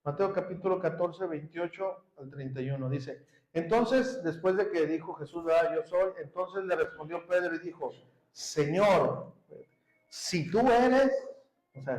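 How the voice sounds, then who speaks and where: Man, Mexican Spanish accent, preacher, sermon, slightly high pitch, emphatic, roomy church echo. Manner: earnest, addresses congregation as brothers, rising emphatic peaks. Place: church hall.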